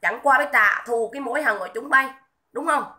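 A woman's voice: high-pitched, fairly quick, pushed and bright. A woman, ranting on a livestream in a scolding, indignant, repetitive way and greeting viewers between tirades. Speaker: livestream commentator. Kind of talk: livestream rant.

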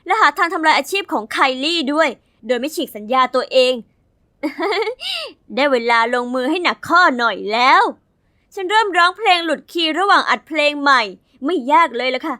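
A young woman narrating her own animated story as its heroine, chatty, dramatic and confiding. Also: high-pitched, brisk, no echo, studio quality.

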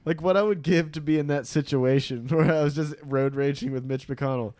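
A man's voice: fairly high pitch, fairly even intonation, darkish tone, no room sound, clean studio sound. A man hosting a podcast chats casually, swears freely, chimes into his guest's story and laughs often. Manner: profane, quick to laugh, chiming in. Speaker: podcast host.

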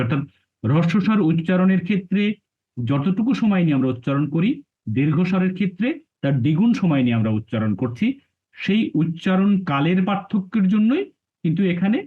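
Patient man teaching letter sounds, phone-like. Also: a little high. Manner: patient, recites letters one by one, explains step by step. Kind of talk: spoken lesson on letter pronunciation.

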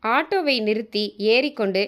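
A woman with a Tamil accent reading a short story aloud as a storyteller, steady and even. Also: on the high side, moderate pace. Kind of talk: scripted story narration.

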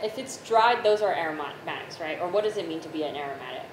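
A woman's voice: deep voice, expressive, quick pace, a little hiss or hum. A woman in her thirties hosting a cooking chat, talking casually with many restarts, recorded by a far camera in a home kitchen. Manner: chatty, many likes and restarts. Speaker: host. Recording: distant echoey kitchen with loud clatter.

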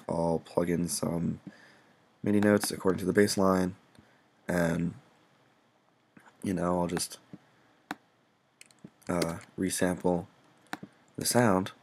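A young man with a low, creaky voice hosts an offhand, unscripted music production tutorial with slight background noise. His style is informal and sweary, with plenty of self-mockery.

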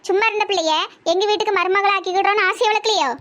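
Cartoon: பெண் நடிக்கும் சண்டைக்கார அம்மா, நெல்லை வழக்கு, உரத்த குற்றச்சாட்டு, மிக உயர்ந்த கூர்மையான குரல். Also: female voice, extremely high pitch, fairly even intonation, very fast, a bit bright. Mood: angry. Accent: Tirunelveli Tamil. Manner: scolding, accusing. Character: angry village mother, sharp-tongued and loud. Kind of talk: cartoon voice acting.

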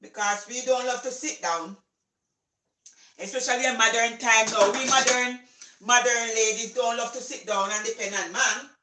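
A woman's voice: a little high, steady tone, moderate pace, sharp tone, echoey room. An older woman with a Jamaican accent, chatting casually in her home kitchen as a cooking vlogger, slipping into patois and laughing often. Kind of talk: casual chat while cooking. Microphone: phone camera set on the counter.

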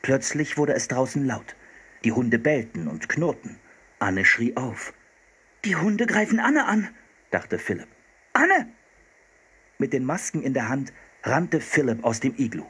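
A man narrating a children's bedtime story with expressive storybook delivery. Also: medium pitch, moderate pace, slightly rough.

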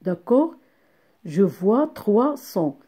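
A woman teaching a young class, speaking slowly and deliberately, repeating each sound and syllable and praising the pupils warmly. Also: mid-range voice, very animated, husky. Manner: encouraging, addresses pupils as "my dear ones". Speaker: primary school teacher. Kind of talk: slow classroom phonics lesson.

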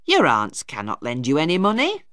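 A woman's voice: low voice, wildly swooping pitch, moderate pace, fairly bright tone, no room sound, studio quality, exaggerated voice. A woman reading a stingy older uncle. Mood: dismissive. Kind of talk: storybook reading.

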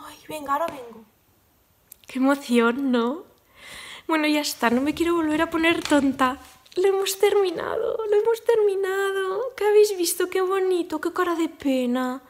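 Emotional high-voiced woman. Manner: affectionate, emotional, drops into soft whispers. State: tearfully emotional. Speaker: crochet tutorial host. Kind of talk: casual crochet tutorial chat.

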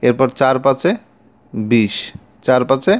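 A man's voice: mid-range voice, unhurried. A Bengali-accented man teaching young children their times tables, repeating each line twice and asking the class questions. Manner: addresses pupils directly with questions. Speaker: math teacher.

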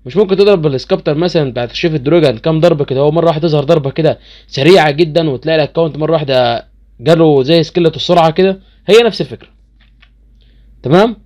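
A man's voice: on the high side, very fast, a little mellow. A man with an Egyptian accent chatting casually to viewers as he explains game skills, easily incredulous. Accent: Egyptian Arabic. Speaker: gaming channel host.

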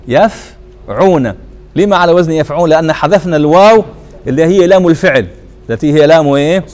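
A man from Tunisia teaching a grammar lesson. He keeps asking the class short questions and answers them himself, and he drags the example words out slowly and says them twice. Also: on the high side, darkish tone. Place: teaching circle in a mosque hall.

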